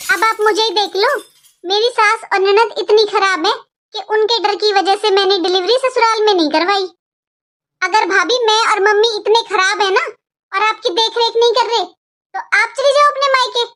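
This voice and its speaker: A woman's voice: extremely high pitch, normal speed, a bit bright. A woman voicing a sarcastic, spoiled young married daughter who taunts her sister-in-law in a Hindi cartoon. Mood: taunting.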